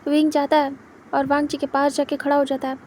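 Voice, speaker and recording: A woman telling a fan fiction story aloud in plain, even narration. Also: high-pitched, brisk, a little hiss or hum.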